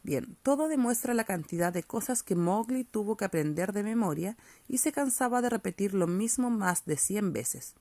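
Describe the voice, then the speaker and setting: A woman teacher giving a virtual class, reading a story aloud with expressive intonation and patiently explaining, often checking in with her students. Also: medium pitch, moderate pace, few pauses, no echo.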